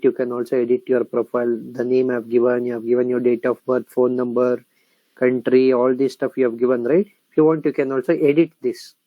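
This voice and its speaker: A software instructor with an Indian English accent narrates a screen-recorded tutorial, explaining each step, repeating phrases as he types, and checking in often with "correct?" and "okay?". His voice is mid-range, with no echo and a rough recording.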